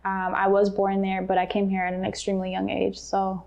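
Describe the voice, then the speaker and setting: A woman from Ethiopia, an accountant, calmly giving clear interview answers. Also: medium pitch, a little fast. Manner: calm, clear explanations. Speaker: accountant, guest.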